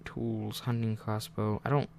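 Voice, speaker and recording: A man's voice: on the low side, level tone, measured pace, gravelly, a little mellow, slight background noise. A man giving rambling, self-deprecating let's-play commentary, often muttering asides to himself over faint game music. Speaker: gaming channel host.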